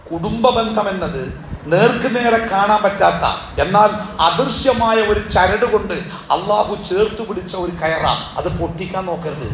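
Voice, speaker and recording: A man's voice: high-pitched, a bit bright, a little hiss or hum. A middle-aged man giving a storytelling sermon at a family gathering, asking the audience rhetorical questions. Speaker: Islamic speaker. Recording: echoey hall.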